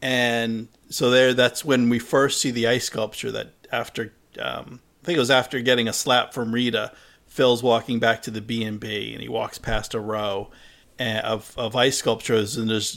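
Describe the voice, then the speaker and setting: A man of average pitch explains a deleted film scene in an easygoing way. He stops often and says "um" while he thinks. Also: creaky, fairly bright tone. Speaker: podcast co-host. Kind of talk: casual film discussion.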